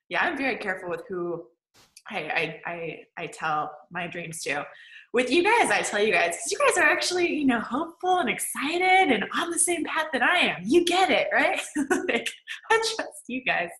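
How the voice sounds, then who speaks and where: A woman in her forties teaching a live class as a manifesting coach, chatty, laughing often and acting out quotes with big jumps in pitch. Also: a bit bright, echoey room, poor audio. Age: 40s. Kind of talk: live-streamed class talk.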